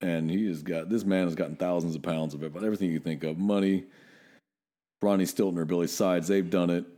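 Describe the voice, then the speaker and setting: A man's voice: deep voice, steady tone, brisk, warm tone. A middle-aged man from Northern California, a police officer co-hosting a podcast, telling blunt, profane stories in casual chat.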